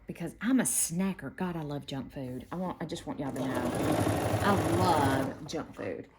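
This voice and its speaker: A woman's voice: sits low, a little fast, very noisy. A middle-aged woman, chatting folksily as she walks through a quilting block in a home sewing room. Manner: chatty, folksy, talks while working. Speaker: quilting video host. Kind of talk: casual sewing tutorial.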